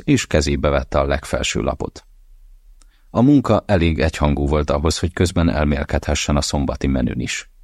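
Very deep-voiced male audiobook narrator. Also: a little mellow, no room sound, clean studio sound. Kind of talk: scripted narration.

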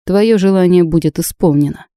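A woman voicing a reserved, calm man who speaks in measured, curt phrases. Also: lowish voice, no echo, studio quality, close to an everyday voice. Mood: cool.

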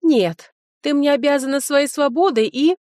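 A woman's voice: high voice, normal speed, darkish tone, no echo, studio quality, voice pushed up, lightly acted. A woman reading an audiobook, voicing a sly, self-serving young man, a former fiancé. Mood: mocking.

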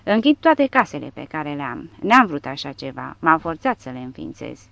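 A woman's voice: low-pitched, sing-song, creaky, a bit bright, dry recording, dull audio, heavily acted. A woman reading the part of a terrified brothel keeper who begs desperately, in an audiobook. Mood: desperate pleading. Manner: pleading, desperate.

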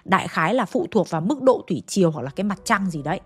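A woman narrating a ghost story, shifting her pace and loudness to build suspense. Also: fairly low pitch, very animated, fast talker, slightly rough. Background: faint background music.

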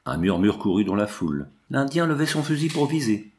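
Brief: male audiobook reader, low-pitched, steady and descriptive. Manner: measured, descriptive. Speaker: audiobook narrator. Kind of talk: scripted narration of a novel.

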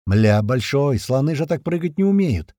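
A man's voice: medium pitch, big pitch swings, normal speed, warm tone, dry recording, studio quality. A man narrating a first-person action audiobook in a terse, punchy, slangy manner.

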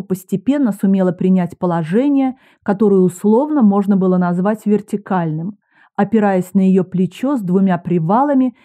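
A woman reads a detective story aloud in the first person, with measured pacing and a dry, wry edge. Her voice is mellow and warm rather than bright. It sounds like steady, scripted audiobook narration. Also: mid-range voice.

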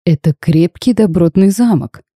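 A woman's voice: lowish voice, normal speed, slightly rough, no room sound, studio quality. A woman reading a curt cursed dragon duke. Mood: cold. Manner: flat, terse, reserved.

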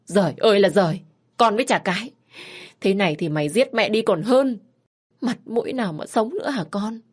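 A woman voicing a frantic mother who scolds her pregnant teenage daughter with loud, rapid questions. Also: mid-range voice, close to an everyday voice.

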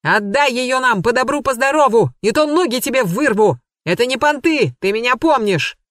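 A reader voicing Klavdiy, a tough, hot-tempered man who speaks in gruff, commanding bursts. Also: medium pitch, moderate pace, a bit bright, no room sound, studio quality, pitched above the performer's own voice, close to an everyday voice. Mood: threatening shout. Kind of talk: audiobook character voice.

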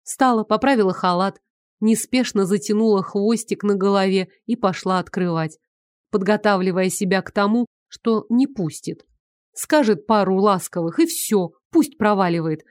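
A woman reads a contemporary novel aloud in a calm, measured way. Her voice sits in a mid pitch and is captured close on a studio mic, dry with no echo. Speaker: audiobook reader. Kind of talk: scripted narration.

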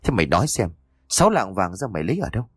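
A man's voice: fairly low pitch, very animated, rapid-fire, slightly rough, no echo. A man voicing a jealous, abusive husband who scolds his wife with harsh insults in a storybook horror tale. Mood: enraged.

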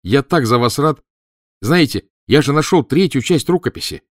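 In a lightly acted performance, a man voices an eager young scholar, pitching his voice above his natural range. He sounds elated, urgent and animated, with medium pitch and normal speed. It is studio-quality audio with no room sound.

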